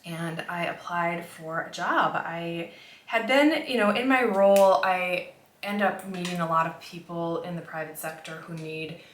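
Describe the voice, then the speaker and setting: Casting: American female beauty vlogger, slightly low pitch, reflective conversational delivery, roomy indoor sound. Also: unhurried, a little hiss or hum. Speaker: makeup vlogger. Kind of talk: casual chat to camera.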